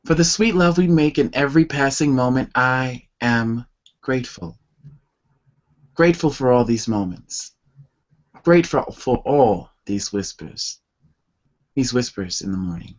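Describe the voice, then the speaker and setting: In a muffled recording, a guest poet with an animated, medium-pitched voice speaks unhurriedly with frequent pauses. He reads his love poems tenderly and intensely, then talks in an interview about their origins.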